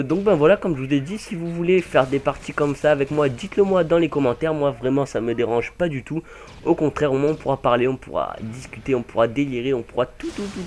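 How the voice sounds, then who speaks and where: A man's voice: on the high side, a little mellow, slight background noise. A young man casually commenting over a game mod demo, rambling with many fillers and self-corrections. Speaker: gaming channel host.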